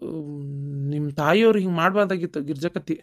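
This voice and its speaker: Cartoon: actor playing a calm, reasoning grown son; mid pitch, North Karnataka accent. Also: a little fast, lightly acted. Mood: reproachful. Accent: North Karnataka Kannada. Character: calm adult son, gently reproachful.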